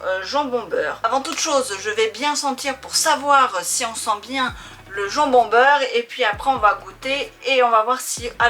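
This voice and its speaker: Her voice is slightly high and sharp, with a faint hiss or hum in the recording. She hosts a casual snack-tasting video, playfully chatting with viewers and using affectionate pet names.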